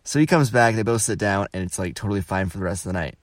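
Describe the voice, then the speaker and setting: A man's voice: fairly low pitch, fast, no room sound, studio quality. A young man hosting a podcast, telling a casual story and acting out what people said. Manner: animated, quotes people in changing voices. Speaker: podcast host.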